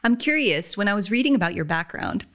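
A woman hosting an interview podcast, giving measured introductions and laughing easily with her guest. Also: mid-range voice, big pitch swings, a bit bright. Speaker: podcast host.

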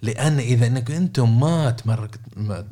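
A man's voice: mid-range voice, fairly quick, mellow. A man giving a casual coaching talk, repeating words and checking in with listeners by asking questions. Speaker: podcast host and coach.

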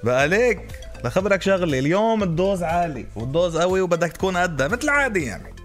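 A man's voice: sits high, sing-song, fast, a bit bright. A man with a Levantine Arabic accent hosting a radio morning show, playfully teasing and trading improvised folk verse. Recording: music behind the voice.

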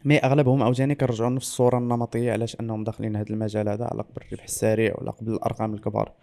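A man explains things in an interview with a Moroccan Arabic accent. He talks briskly in a mellow, relaxed tone, dropping French and English terms into his sentences. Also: lowish voice, creaky. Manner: mixes in French and English loanwords. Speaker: trader interviewed as guest.

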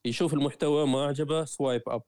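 A man with a Gulf Arabic accent from Qatar, a traveler and writer talking as an interview guest, telling stories in a lively way with frequent restarts. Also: on the high side, rapid-fire, smooth, no echo, studio quality. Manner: lively storyteller, frequent self-corrections and restarts. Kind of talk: conversational interview.

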